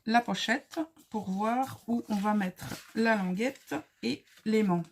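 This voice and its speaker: A woman's voice: medium pitch, takes it slowly, husky. A woman with a light accent hosting a casual crafting tutorial, chatty and friendly as she talks viewers through each step.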